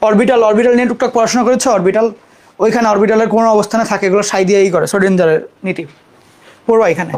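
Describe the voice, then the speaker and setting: A young adult teacher, giving a casual live math lesson, repeating terms slowly for students to copy and apologizing quickly for mistakes on the board. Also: mid-range voice, fairly even intonation, a little mellow.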